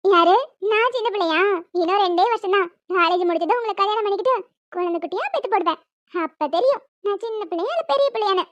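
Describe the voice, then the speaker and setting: Very high-voiced cheeky girl student in an audio drama, played by a woman, dry dull lo-fi sound. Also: fast, a bit bright, dry recording. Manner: playful and teasing. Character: bold cheeky young woman student in love.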